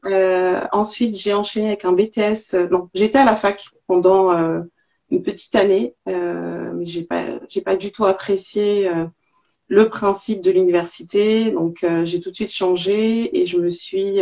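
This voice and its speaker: Speaking unhurriedly in a warm, steady, medium-pitched voice, an entrepreneur and school coach in her forties is a guest in a casual interview. She comes from Marseille in southern France and talks over a lo-fi video call.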